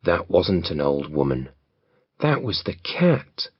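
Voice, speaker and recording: A man's voice: low voice, very animated, takes it slowly, breathy edge, dry recording, pitched below the performer's own voice, full character voice. A man voicing a scornful robber chief who dismisses his man's fears, on a dull lo-fi recording. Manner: dismissive, correcting.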